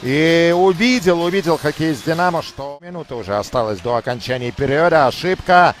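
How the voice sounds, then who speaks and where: A man doing live hockey commentary as a play-by-play announcer, emphatic and excited in his goal calls. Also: a little high, a little fast, slight background noise.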